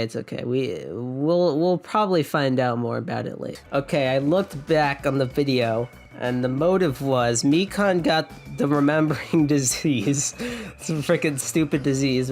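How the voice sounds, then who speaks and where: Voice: mid-range voice, normal speed, darkish tone, faint music behind. A streamer doing blind playthrough commentary, reading game dialogue aloud with sarcastic asides and laughs.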